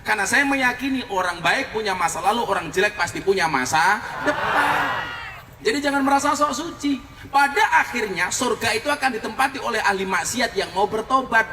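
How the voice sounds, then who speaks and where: A man preaching a comic sermon to an outdoor crowd, joking and loud. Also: very high-pitched, animated, a little fast, background noise. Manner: joking, loud, mixes local slang. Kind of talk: comic open-air sermon. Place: outdoor field gathering. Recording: echoey field recording from far off. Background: crowd laughing.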